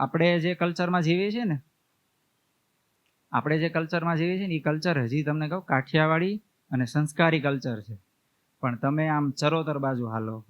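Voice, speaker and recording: A man's voice: fairly high pitch, dry recording. A man, a swami telling homely family stories in a sermon and acting out what relatives say. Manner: homely storytelling, acts out family members' words. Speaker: swami preacher. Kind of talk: storytelling sermon. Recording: tinny, phone-like dry sound.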